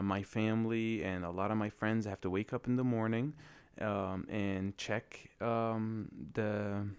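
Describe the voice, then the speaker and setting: Lebanese-born guy doing a solo podcast, lowish voice, thinks out loud with lots of ums. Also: clean tone. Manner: reflective, hesitant with many fillers. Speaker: podcast host.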